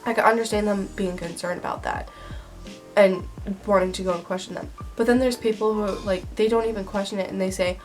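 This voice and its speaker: A woman's voice: medium pitch, fairly even intonation, fairly quick. A young woman hosts a casual vlog, sounding bunged up with a man-flu style head cold. Her delivery is sarcastic and emphatic, and music plays behind her. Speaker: video host. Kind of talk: casual scripted list vlog with acted skits.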